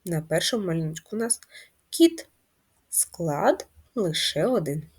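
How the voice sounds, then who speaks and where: A woman teaching a first-grade reading lesson, speaking patiently and clearly and stretching words into syllables. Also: on the low side, animated, normal speed. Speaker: primary school teacher.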